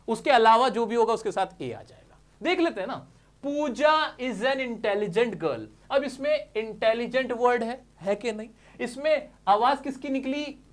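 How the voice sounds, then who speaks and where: A man teaching English grammar, explaining step by step, often asking his listeners questions and answering them himself while calling them dear friends. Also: high-pitched.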